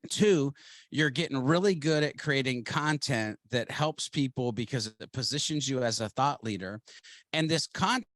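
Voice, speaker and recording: A man from Ohio, a podcast guest, telling his story in an animated, fast-moving way. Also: mid-range voice, no echo. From Ohio, United States. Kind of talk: interview storytelling.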